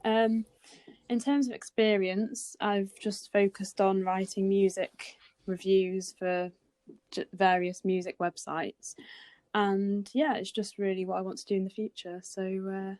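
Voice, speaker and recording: A woman's voice: medium pitch, level tone, unhurried, darkish tone, no echo. A woman in her twenties from Cheshire, co-hosting a casual podcast chat in an earnest, self-deprecating way. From Cheshire, England. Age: 20s. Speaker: podcast co-host.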